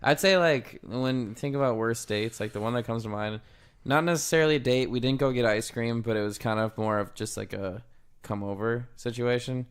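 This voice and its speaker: Young male co-host, clean resonant tone, relaxed storyteller who laughs a lot. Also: medium pitch, moderate pace, smooth. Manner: laid-back storytelling, laughs often. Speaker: podcast co-host. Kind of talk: casual chat.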